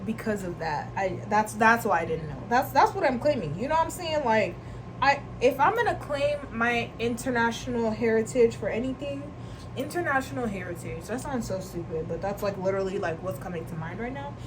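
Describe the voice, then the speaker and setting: A woman's voice: fairly high pitch, animated, brisk, noisy background. A young woman from Nigeria chatting casually in a vlog, rambling and slangy and laughing often. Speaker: vlogger. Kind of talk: casual chat.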